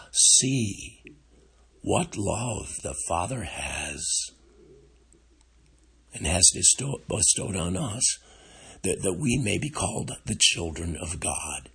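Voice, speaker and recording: Speaking in a low, gravelly, breathy voice that sounds frail with age, an older man reflects gently and contemplatively on scripture, pausing at length between thoughts.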